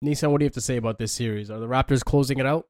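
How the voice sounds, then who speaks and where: A man hosting a casual sports talk show, energetic and hyping up his questions to the panel. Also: medium pitch, very fast, no echo. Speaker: show host.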